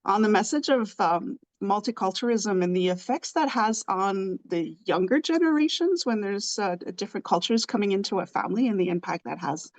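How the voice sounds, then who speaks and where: A woman's voice: mid-range voice, animated, a little fast, few pauses. A woman hosting a podcast and introducing her guest. She sounds enthusiastic and chatty, and she laughs easily between sentences. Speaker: podcast host. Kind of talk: podcast interview.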